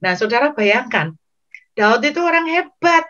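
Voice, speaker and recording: A woman evangelist preaching a sermon, telling the story in a lively way and speaking straight to the congregation. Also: fairly high pitch, moderate pace. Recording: dull lo-fi recording.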